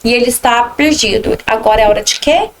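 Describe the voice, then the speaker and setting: A Brazilian preschool teacher talks in a casual podcast conversation, warm and reassuring, and she acts out the lines she uses with children and mothers. Her voice sits fairly high for a woman. A faint hiss of noise runs under the recording. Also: fairly quick. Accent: Brazilian Portuguese. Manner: warm, reassuring, tells anecdotes with quoted lines.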